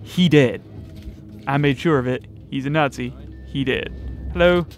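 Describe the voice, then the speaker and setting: A man's voice: mid-range voice, measured pace, faint music behind. A man playing a video game and commentating as he goes, swearing, joking and mocking himself. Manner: sweary, self-mocking, talks to game characters. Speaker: gamer. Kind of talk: let's play commentary.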